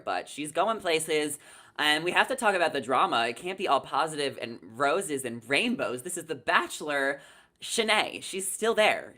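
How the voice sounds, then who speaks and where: Young guy recapping tv on a live stream, forceful bright voice, chatty. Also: on the high side. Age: young adult. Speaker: co-host of a reality TV recap show. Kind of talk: casual live show commentary. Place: small indoor room, video call.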